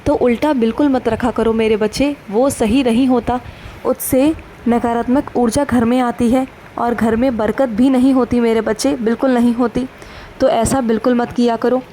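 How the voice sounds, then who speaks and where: A woman voicing a gentle, fatherly male saint who counsels his devotees in a tender, instructive devotional message, calling them "my child" again and again. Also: fairly high pitch, fairly even intonation, moderate pace, a little hiss or hum, natural voice. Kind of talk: devotional first-person message.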